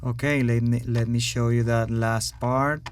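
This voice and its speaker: A man hosting a home recording tutorial, talking casually with many pauses and fillers. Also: medium pitch, slight background noise. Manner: relaxed, hesitant, many fillers. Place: home studio.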